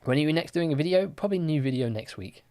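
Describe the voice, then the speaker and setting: A man's voice: fairly high pitch, animated, quick pace, a little mellow, smooth. A young man hosting a live-stream quiz, chatting casually with lots of fillers as he reads and answers viewer comments. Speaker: livestream quiz host.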